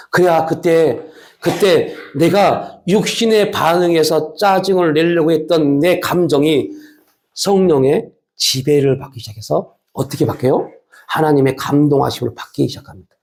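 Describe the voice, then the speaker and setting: A man's voice: fairly high pitch, gravelly, darkish tone. A man preaching a sermon as pastor. He is emphatic, asks many rhetorical questions, and mixes frank, colloquial asides with exhortation.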